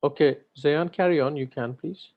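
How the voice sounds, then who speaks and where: A man's voice: fairly high pitch, normal speed. A man teaching a religious class online, patiently answering students and correcting their pronunciation. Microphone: video call. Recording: lo-fi online call audio.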